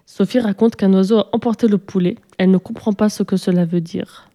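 Woman narrator, children's story read aloud, mellow dark tone, mid pitch, steady and even. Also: a little fast.

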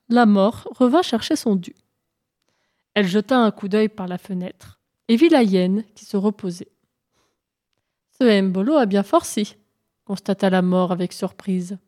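A woman narrating a folk tale in a measured, even reading voice. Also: mid-range voice. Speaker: storyteller.

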